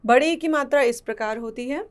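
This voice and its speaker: A woman teaching a children's lesson, slow and patient, repeating syllables aloud. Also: high voice.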